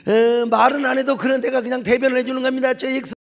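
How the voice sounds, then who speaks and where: A middle-aged man preaching in a large church sanctuary, his high voice ringing with long reverb. He tells his story dramatically, dropping to hushed tones, then rising to shouts. There is a gravelly edge to his words. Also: little pitch movement, fast. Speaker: pastor. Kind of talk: sermon.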